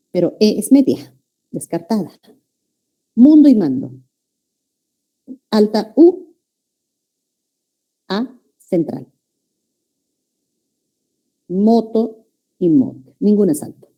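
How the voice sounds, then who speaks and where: Peruvian woman teacher, dark mellow tone, explains step by step and checks in with the class. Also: medium pitch, slightly rough. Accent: Peruvian Spanish. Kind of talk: university-prep lecture.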